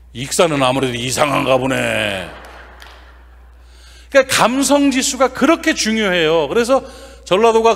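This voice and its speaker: A man preaching a revival sermon as guest pastor in a church, folksy and lively, throwing quick questions at the congregation. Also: sits high, big-room sound. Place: church sanctuary.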